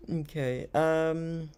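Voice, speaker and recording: A travel vlogger with a Jamaican accent answers live-chat questions, her voice low, dark, clear and resonant. She chats casually and rambles, often laughing and repeating words.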